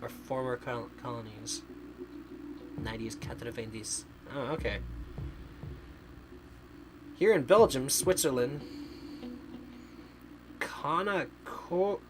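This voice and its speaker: A man's voice: medium pitch, a bit bright, slight background noise. A man from Canada doing live game stream commentary, chatting away and playfully arguing with his chat as he reads it aloud.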